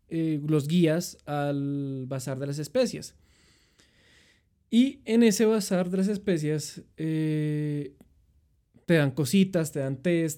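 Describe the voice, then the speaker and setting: Young colombian guy rambling thru a travel story, kinda high voice, warm and soft tone. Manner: chatty, rambling, animated retelling. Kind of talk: casual storytelling.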